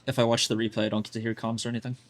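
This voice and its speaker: A game coach talks a player through their gameplay in a medium-pitched, level voice at a rapid-fire pace. His style is casual, blunt and chatty, packed with "like" fillers.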